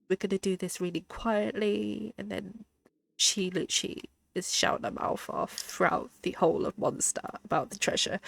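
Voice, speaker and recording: A woman's voice: lowish voice, vocal fry, no room sound. A woman streamer chatting casually and amusedly while playing a video game. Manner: chatty, giggly, amused commentary. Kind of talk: casual gameplay chat.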